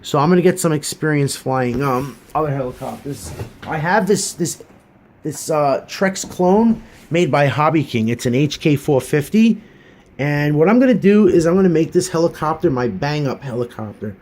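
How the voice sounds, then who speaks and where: A man's voice: on the high side, lively intonation, normal speed, darkish tone, a little hiss or hum. A man giving a casual hobby review, chatty and earnest, rambling with many fillers and restarts.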